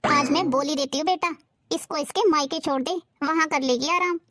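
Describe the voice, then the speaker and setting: A woman's voice: sits high, normal speed, a bit bright, no echo. A woman playing a harsh, superstitious middle-aged mother-in-law who scolds in a bossy way, in a homemade moral-story drama. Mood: contemptuous. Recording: music clearly behind the voice.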